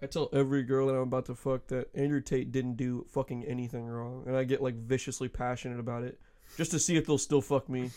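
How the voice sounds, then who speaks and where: A young man co-hosting a casual podcast, joking crudely and swearing often with a loose, drawn-out delivery. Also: mid-range voice, level tone, dark tone. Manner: profane, joking, drawn-out drawl. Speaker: podcast co-host.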